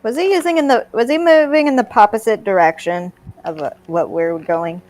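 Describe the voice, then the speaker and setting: A woman's voice: mid-range voice, brisk, a little mellow. A woman chatting casually at a tabletop game in a blunt, dry manner.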